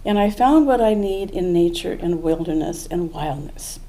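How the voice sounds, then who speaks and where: Older woman, lowish reflective voice. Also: lively intonation, normal speed, warm tone, low-quality recording. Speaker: storyteller. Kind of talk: live storytelling. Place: small museum event room.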